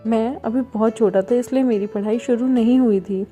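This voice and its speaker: A small homesick boy, as a woman storyteller puts him on, soft and pleading, near tears. The tone is very mellow and dark, with faint music underneath. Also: a little high, steady tone, moderate pace, lightly acted. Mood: plaintive.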